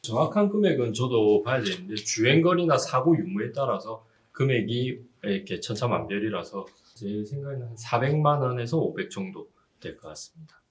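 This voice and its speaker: A man's voice: medium pitch, animated, brisk, few pauses. A man in his forties speaking as a used car dealer in an interview, giving assured, explanatory advice like a salesman. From Busan, South Korea. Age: 40s. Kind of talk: informal on-camera interview giving buying advice.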